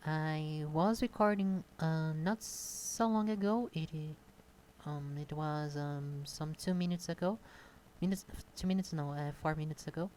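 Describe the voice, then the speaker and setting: Slight background noise accompanies a shy young content creator with a Brazilian Portuguese accent as she speaks unscripted and casually at her home computer, close to a desk microphone. Her slightly low, soft-toned voice comes out hesitantly, full of pauses and filler sounds.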